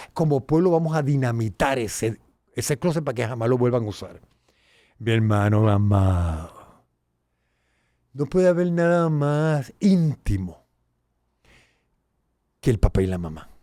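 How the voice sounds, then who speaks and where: A man's voice: fairly high pitch, no echo, studio quality. A man with a Puerto Rican accent hosting his show, talking emphatically and straight to his viewers. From Puerto Rico. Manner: animated, emphatic, addresses viewers directly. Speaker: host. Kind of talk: direct-to-camera commentary.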